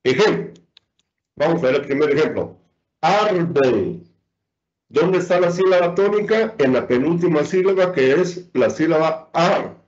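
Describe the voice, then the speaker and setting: A man's voice: fairly high pitch, a little mellow. A male teacher giving a virtual lecture on spelling rules, asking and answering his own questions and drawing out the example words. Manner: drawn-out emphasis on example words. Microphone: computer mic on a video call. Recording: dull lo-fi online lecture audio.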